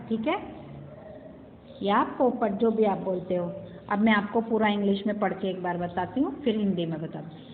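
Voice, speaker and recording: A woman teacher explaining an English poem to children in Hindi, asking and answering her own questions, with the English lines read slowly. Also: medium pitch, a little hiss or hum. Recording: echoey room over a tinny phone-like line.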